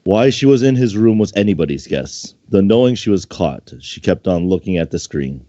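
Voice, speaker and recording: A man with a low, warm, animated voice reads fan fiction aloud at a moderate pace, casually and amateurishly, tripping over lines and adding his own remarks. The home microphone sounds dull and roomy.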